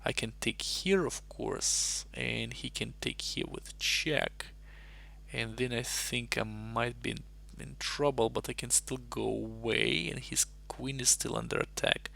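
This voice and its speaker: A Russian-born man talks in a heavily gravelly, fry-laden voice. He chats on a live stream in a loose, rambling way, thinking aloud over chess puzzles into a desk mic. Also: medium pitch, steady tone, measured pace, pushed and bright. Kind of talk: casual live-stream chat.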